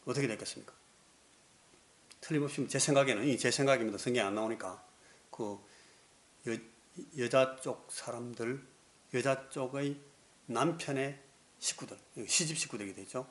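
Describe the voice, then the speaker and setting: Male pastor, sermon, animated storyteller, acts out the scenes, mid-pitched. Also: moderate pace, pauses often.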